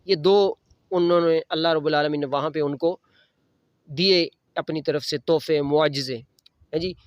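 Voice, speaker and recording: A man teaching a religious lesson. He recites Arabic verses slowly and then explains them in Urdu. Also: on the high side, fairly even intonation, dry recording, highs cut off. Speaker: Quran teacher.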